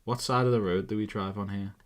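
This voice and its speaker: A man's voice: on the low side, steady tone, brisk. A young man streaming live as a trader, thinking aloud in casual commentary, exasperated and swearing freely.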